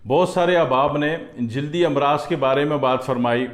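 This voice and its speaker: A man's voice: fairly high pitch, moderate pace, reverberant. A man in a casual, chatty health talk about herbal remedies, repeating his points and tossing in joking asides.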